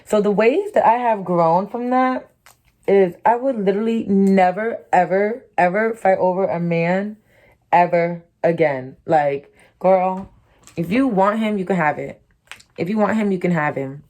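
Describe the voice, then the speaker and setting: A young woman from Connecticut, a YouTuber with her own distinctive American accent, tells a candid, profane storytime packed with "like" and "you know." Her voice is medium-pitched and darkish, and she speaks unhurriedly.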